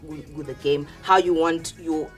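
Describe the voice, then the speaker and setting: Deep-voiced woman, emphatic. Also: fairly even intonation, normal speed, faint music behind. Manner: emphatic, preachy, says "bruh". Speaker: panel guest. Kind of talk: casual panel chat.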